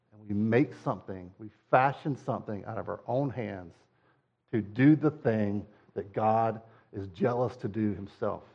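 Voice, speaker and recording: A man's voice: fairly low pitch, a little mellow, muffled recording. A man preaching a sermon in a conversational way, sometimes acting out whiny quoted voices. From United States. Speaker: pastor.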